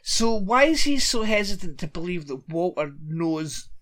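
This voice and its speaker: A man talking in a casual, rambling way, with a voice that rises and falls a lot. He is quick to laugh and moves from one point to the next as he goes. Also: high-pitched, very animated, fairly bright tone. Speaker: podcast co-host. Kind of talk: casual recap chat.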